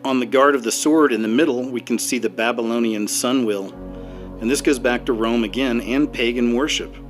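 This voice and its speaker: A man's voice: mid-range voice, normal speed. A man delivering scripted commentary as a narrator. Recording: music under the voice.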